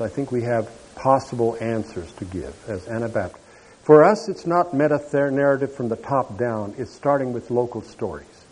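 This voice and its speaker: A man's voice: mid-range voice, a little mellow, breathy edge. A man giving an earnest public talk at a church gathering, telling stories with wandering asides. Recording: long reverb of a large hall.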